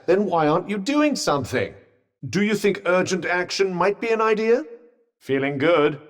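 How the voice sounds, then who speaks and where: A British man voicing a sentient magic cuff in a video game, a droll, haughty, fussy companion with a pompous, sardonic, wordy way of talking. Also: fairly high pitch. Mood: concerned. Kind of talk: scripted game character banter. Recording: long reverberant echo on the voice.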